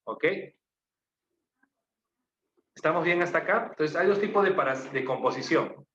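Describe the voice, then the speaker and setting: A man's voice: fairly high pitch, expressive, fairly quick, a bit bright. Peruvian male teacher, quizzes the class and repeats answers, in a roomy room with dull sound. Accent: Peruvian Spanish. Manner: asks the class questions, repeats answers, lists examples. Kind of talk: online class lecture. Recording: muffled, echoey room, faint noise.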